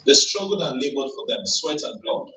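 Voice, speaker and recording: A man's voice: fairly high pitch, moderate pace, background noise. A man giving an emphatic, rallying motivational talk at a tech event, drawing the audience in with call-and-response questions. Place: event hall. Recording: roomy hall, voice from far off.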